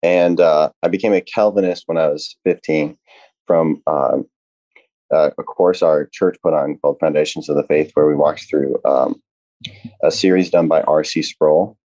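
A young man, a podcast guest, explaining at length in an earnest, halting way, full of "uh" and restarts. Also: very deep voice, fairly even intonation, warm tone, dry recording, lo-fi sound. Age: young adult. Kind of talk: casual podcast conversation.

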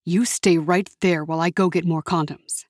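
A woman's voice: on the low side, steady tone, normal speed, no echo, clean studio sound, lightly acted. Woman reading a blunt, tough young man. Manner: blunt, coarse.

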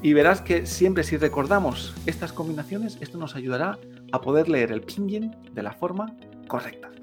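A woman's voice: low voice, expressive, normal speed, music in the background. A woman teaching Chinese pronunciation in a patient lesson, drilling tones with repeated examples and praise.

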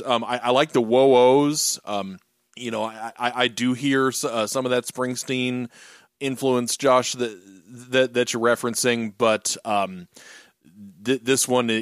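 Slow, smooth-voiced man reviewing a song. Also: mid-range voice, dry recording, clean studio sound. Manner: measured, hesitant, critical. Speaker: podcast co-host. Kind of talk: casual chat.

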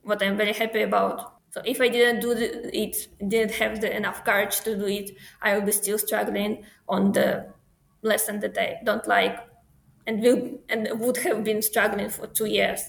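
Ukrainian-accented young woman, gravelly, echoey room. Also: medium pitch, level tone. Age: young adult. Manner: thoughtful, halting non-native phrasing. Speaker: guest. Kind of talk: casual interview answers.

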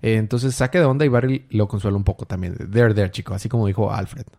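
A man's voice: fairly low pitch, fast talker, dark tone. A man hosting a casual comic-book chat, chatty and dropping in English words and slang. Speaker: podcast host.

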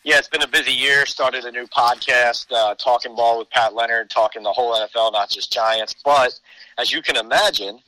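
A man's voice: medium pitch, moderate pace, pushed and bright, no echo, poor audio. A man giving conversational sports analysis as a podcast guest, explaining his case point by point.

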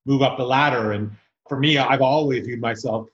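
A man from South Africa hosting an interview podcast, talking reflectively and haltingly, with repeated words. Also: medium pitch. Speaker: podcast host. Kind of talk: casual interview chat. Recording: roomy, dull sound.

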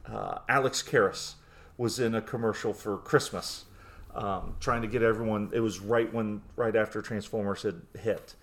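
Low-voiced nostalgic man in his forties. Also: steady tone, moderate pace. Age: 40s. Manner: nostalgic, rambling with restarts. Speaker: podcast co-host. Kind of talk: casual chat.

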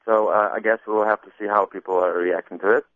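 A man with a lowish voice talks casually about making his album, often restarting and repeating words as he goes. The sound is thin and phone-like, with a dry, close feel and no room echo. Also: steady tone, quick pace. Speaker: comedy album artist. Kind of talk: casual interview talk. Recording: muffled phone-line sound.

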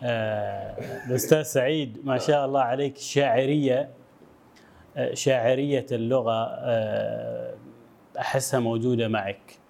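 A male interviewer whose voice has a gravelly, creaky grain. He puts his questions slowly and draws them out. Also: mid-range voice, fairly even intonation, a little mellow, slight background noise.

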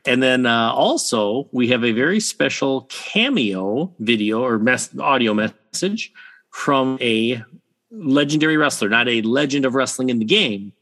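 A man's voice: mid-range voice, lively intonation, measured pace, fairly bright tone. A man guesting on a casual podcast, chatty as he plugs his own show. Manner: chatty, promotional.

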